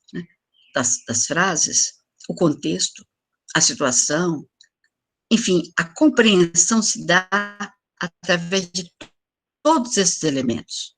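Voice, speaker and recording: A woman's voice: fairly low pitch, a bit bright, slightly rough. An older woman giving an online lecture to teachers, explaining examples and asking for the next slide. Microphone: video call.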